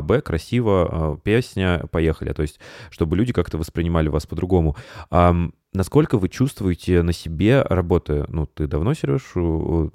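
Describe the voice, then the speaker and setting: Low-voiced man hosting a casual podcast. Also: a little mellow, no echo, clean studio sound. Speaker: podcast host.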